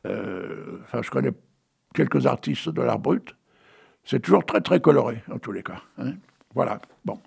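An older man with a husky voice, rambling chattily to his viewers and reading out an absurd tale he wrote, tagging his phrases with "hein". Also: mid-range voice, lively intonation, moderate pace, a little mellow. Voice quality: gravelly, husky voice. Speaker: amateur writer reading his own text. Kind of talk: rambling monologue with a read-aloud absurd tale.

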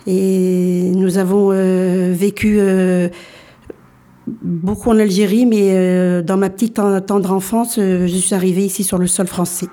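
A woman in her sixties, born in Algeria, telling her life story as a radio guest and often pausing to restart her sentences. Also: mid-range voice, little pitch movement, mellow. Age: 60s. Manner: hesitant, many fillers and restarts.

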